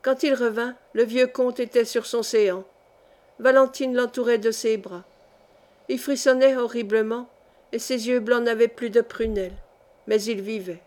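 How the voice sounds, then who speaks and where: A woman's voice: a little high, steady tone, darkish tone. Woman reading a historical novel aloud. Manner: measured, dramatic reading. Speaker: audiobook reader. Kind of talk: scripted narration of a historical novel.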